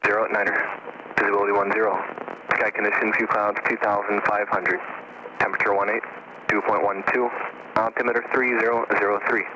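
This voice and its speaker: Flat, fast automated airport weather broadcast, male. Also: lowish voice. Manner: flat, rapid reading of numbers. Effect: automated airport weather broadcast over aircraft radio. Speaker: recorded airport information broadcast. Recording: noisy cockpit radio feed.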